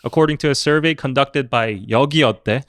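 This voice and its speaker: A man in his thirties hosting a casual podcast chat, laid-back and quick to laugh, reading out survey figures. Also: mid-range voice, a bit bright, dry recording, studio quality. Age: 30s. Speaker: podcast host.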